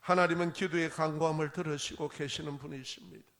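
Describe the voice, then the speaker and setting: A man's voice: a little high, steady tone, fast talker, a bit bright. A man pastor preaching a sermon in a church, emphatic and repetitive, with many rhetorical questions. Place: church sanctuary.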